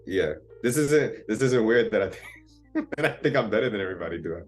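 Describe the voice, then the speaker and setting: With soft music in the background, a thirty-something Jamaican man opens up confidently about his own life as a therapy client guest in an informal conversation. His lowish voice is expressive and a little mellow, and he talks slightly fast.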